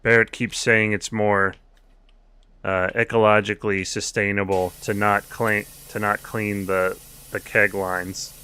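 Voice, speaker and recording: Man, streamer, joking, swearing, casual gameplay talk, tense bright tone. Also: lowish voice, flat delivery, a little slow, clean tone. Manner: chatty, joking, profane. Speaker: streamer playing a video game.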